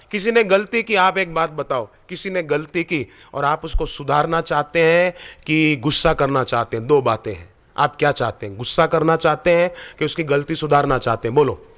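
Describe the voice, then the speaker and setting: A male preacher's sermon voice, pitched somewhat high. He tells stories in an animated way and keeps turning to the congregation with questions. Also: moderate pace. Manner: animated storytelling, questioning the audience. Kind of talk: devotional sermon.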